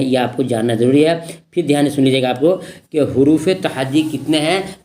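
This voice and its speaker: A man's voice: a little high, a little mellow. A man with a Bihari Hindi accent teaching an exam-prep grammar lesson, repeating points and quizzing his students with questions.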